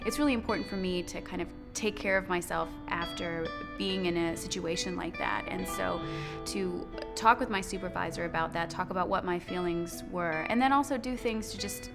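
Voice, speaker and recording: A woman speaking as a benefits case worker in a scripted training role-play, calm and reassuring as she explains. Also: fairly low pitch, moderate pace. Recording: music bed under speech.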